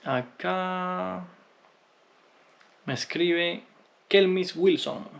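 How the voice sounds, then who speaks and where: A man from Cuba, answering viewer comments in a relaxed, unhurried vlog, often pausing with hesitations. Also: high-pitched, creaky. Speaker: vlogger.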